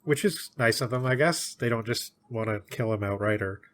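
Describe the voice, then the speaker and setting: A man co-hosting a podcast, chatting casually about a book, laughing often. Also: medium pitch. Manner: chatty, laughs often, puts on quick voices for characters. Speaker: podcast co-host.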